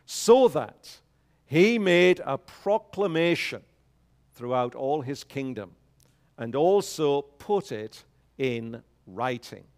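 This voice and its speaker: A man speaks from a pulpit microphone in a church, reading scripture at a slow, deliberate pace. His voice sits at an ordinary middle pitch and swells with emphasis on key lines. Between readings he speaks more loosely, with frequent fillers. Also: expressive. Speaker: pastor. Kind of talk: scripture reading and sermon announcements.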